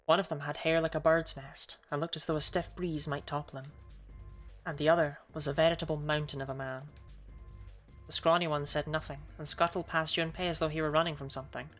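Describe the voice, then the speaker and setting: A woman's voice: low-pitched, steady tone, fairly quick, a bit bright, soft background music. A woman streamer reading scripted story narration aloud during a game playthrough.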